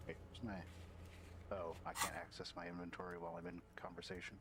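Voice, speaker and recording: A man's voice: low-pitched, little pitch movement, brisk, heavy background noise. A man playing a game and reading its dialogue aloud, joking and swearing as he goes. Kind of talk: casual let's-play commentary. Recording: loud game music over voice.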